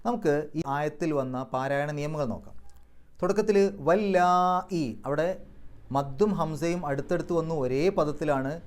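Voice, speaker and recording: Man, Quran teacher, patient step-by-step explanations, slowly chanted example words, fairly high voice. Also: steady tone, a little mellow. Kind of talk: religious lesson with recitation drills.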